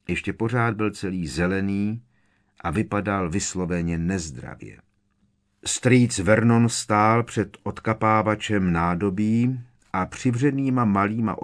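A man reading a story aloud as narrator, in a measured, dramatic way. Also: deep voice. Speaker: audiobook narrator. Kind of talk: scripted narration.

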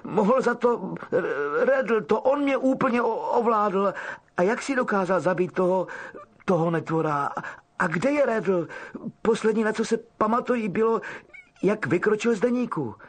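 A man's voice: high voice, animated, voice pushed up. A man voicing a frightened, tearful young girl who pleads and stammers through sobs. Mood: tearful pleading.

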